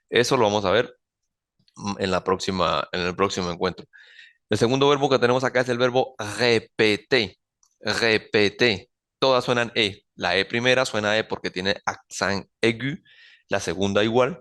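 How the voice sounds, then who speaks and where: Low-voiced man teaching French slowly. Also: a bit bright. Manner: patient, repeats words slowly to model pronunciation. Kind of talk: recorded classroom lesson.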